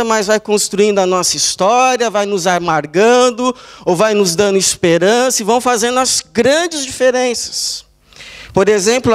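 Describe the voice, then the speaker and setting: A man with a Brazilian accent preaching a sermon as pastor, telling small stories in short, measured phrases. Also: high-pitched, clean tone. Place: church service.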